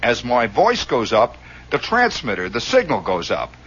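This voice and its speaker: A man telling a story in a radio monologue, animated and chuckling as he acts out the scenes, on a dull lo-fi recording. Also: medium pitch, moderate pace, husky.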